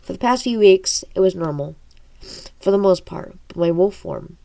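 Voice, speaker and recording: Her voice medium-pitched, creaky, and mellow, a woman with congested sinuses from allergies reads her self-written fantasy tale aloud at normal speed. As an amateur audiobook narrator, she keeps it informal and sometimes trips over words.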